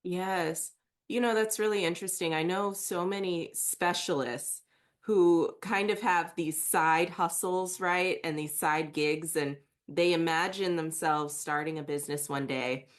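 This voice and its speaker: A woman's voice: fairly low pitch, fairly even intonation, a little slow. A woman hosting a podcast, asking curious, friendly questions in a conversational interview. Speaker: podcast host.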